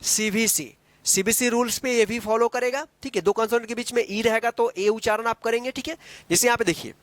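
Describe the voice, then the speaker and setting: A woman's voice: on the high side, fairly even intonation, a little fast, no echo. A woman teaching English phonics, spelling words letter by letter, asking what they read and repeating each answer. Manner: drills words, repeats and asks the class. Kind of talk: classroom phonics lesson.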